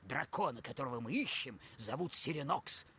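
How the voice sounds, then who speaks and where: An actor playing a hearty, gruff dwarf hunter with a gravelly voice in video game dialogue. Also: male voice, mid-range voice, lively intonation, normal speed, bright, forceful tone, full character voice. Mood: hearty, inviting. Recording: faint game ambience behind.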